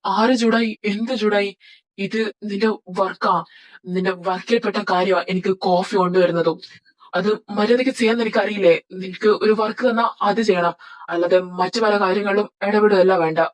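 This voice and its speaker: A woman's voice: mid-range voice, fairly even intonation, a little fast, close to an everyday voice, low-quality recording. A woman voicing a rude, short-tempered young male boss who scolds his assistant. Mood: scolding. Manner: scolding, domineering. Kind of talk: Malayalam fan audio drama.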